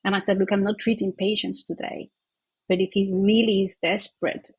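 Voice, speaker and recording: A woman therapist, a guest in an interview, telling an earnest, animated anecdote in conversation. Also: mid-range voice, normal speed, husky, no room sound, rough recording.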